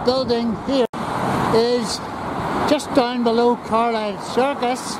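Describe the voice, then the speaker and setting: Slow-talking man by roaring traffic. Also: very high-pitched, flat delivery. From Northern Ireland. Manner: unhurried, chatty, with many pauses and restarts. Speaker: vlogger giving a walking tour. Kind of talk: casual walking-tour commentary. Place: outdoors on a busy city street junction. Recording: loud street traffic over the voice.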